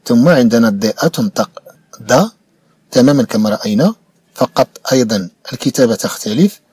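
A man's voice: mid-range voice, expressive, darkish tone, husky, no echo. Moroccan man teaching French, patient and repetitive. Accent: Moroccan Arabic. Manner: patient, repeats words slowly for learners. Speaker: primary school French teacher. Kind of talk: explanatory lesson narration.

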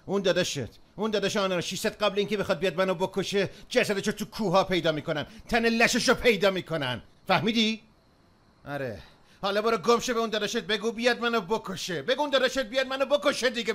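A man dubbing a volatile drunk husband who snarls threats, swinging between shouting and low muttering, in a dubbed film. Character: volatile drunk man, Yusuf, bullying his wife. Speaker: dub actor.

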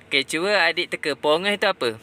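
A man's voice: a little high, quick pace, pushed and bright. A Malaysian man, a father running a casual quiz for his children, prompting and explaining words simply inside a car. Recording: faint noise in a car.

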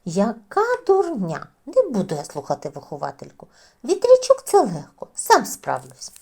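A woman voicing a small stubborn boy mouse who insists on doing everything himself, with high, eager, childlike exclamations. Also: huge pitch swings, normal speed, creaky, a little mellow, slightly rough, full character voice. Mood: boastful.

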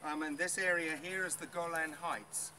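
Standing by an old stone wall outside, this middle-aged man guides a tour group, talking chattily, saying um often, and testing the group with questions. His pitch is on the high side, his intonation fairly even, and his speed normal. The far-off camera captures noisy outdoor sound.

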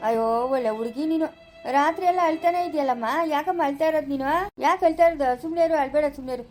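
A woman's voice: sits high, rapid-fire, soft background music, close to an everyday voice. A woman playing a kindly, motherly village laborer who soothes and consoles in rural Chikkaballapur Kannada. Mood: consoling. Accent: Kannada, Chikkaballapur rural dialect. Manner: soothing and consoling, repeats hush phrases. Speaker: poor day laborer who shelters a lost girl. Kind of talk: village family skit.

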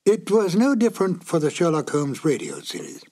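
A man hosts and introduces a reissued old radio drama with measured, explanatory scripted narration. His voice is a little high and mellow, with wildly swooping pitch.

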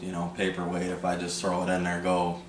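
A man's voice: deep voice, completely flat delivery, a little fast. A man with the hiccups chatting casually about his off-road spares in a laid-back, joking way. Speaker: off-road video co-host. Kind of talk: casual garage chat. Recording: echoey room with clear background noise.

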